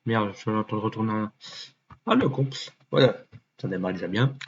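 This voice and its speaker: A man thinking aloud as he clicks through a website, muttering and swearing under his breath, with many fillers and sudden jumps into a mock high voice. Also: a little fast. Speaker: YouTuber. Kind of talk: casual screen-recording commentary. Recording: dull lo-fi mic with faint noise.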